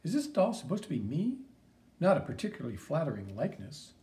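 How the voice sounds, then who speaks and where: A man's voice: on the high side, wildly swooping pitch, quick pace, darkish tone. A man voicing Mighty Mouse, earnest and urgent. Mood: miffed. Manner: earnest, urgent, a little wounded pride. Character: heroic male cartoon mouse superhero, earnest. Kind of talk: audiobook character reading.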